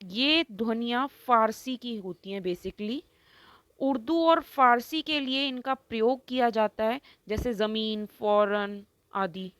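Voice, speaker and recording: A woman teaches Hindi grammar in an online lesson, taking her time and saying every example word slowly and distinctly. Her voice sits fairly high. The recording is close and dry, with no room sound. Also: smooth, no room sound. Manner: slow, explains step by step, keeps asking "ठीक है".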